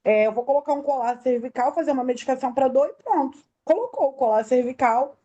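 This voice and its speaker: Woman, soft mellow voice. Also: high-pitched, lively intonation, fast, lo-fi sound. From Brazil. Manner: tells the story in detail, acting out quoted dialogue. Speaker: interview guest, bereaved mother. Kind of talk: emotional personal testimony.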